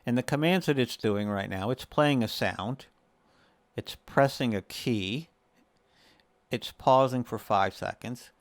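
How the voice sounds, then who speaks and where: A gaming host with a medium-pitched voice takes it slow, explaining each step of a casual screen-share tutorial in conversational fashion. There's no echo.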